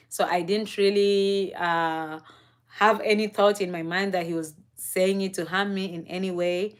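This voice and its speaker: On a live stream, a young East African woman tells a personal story in a reflective, unhurried manner, often using fillers and soft laughs. Her voice sits in the mid range.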